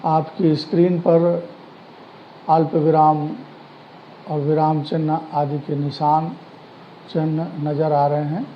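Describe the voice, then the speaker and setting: A man teaching a grammar lesson to schoolchildren, explaining slowly and deliberately. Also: on the high side, level tone, slight background noise. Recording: dull lo-fi sound with faint ambience.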